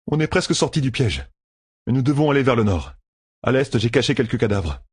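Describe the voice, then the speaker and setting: A man voicing a confident young swordsman in an audiobook, brisk and offhand. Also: medium pitch, very animated, breathy edge, voice pushed up. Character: confident young male swordsman, matter-of-fact. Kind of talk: audiobook character voice.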